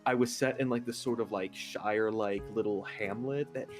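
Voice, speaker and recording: A man who is an ASMR voice actor chats casually as a guest on a stream, sounding slangy, informal and enthusiastic. His voice is lowish and moves at a moderate pace, with music playing beneath it.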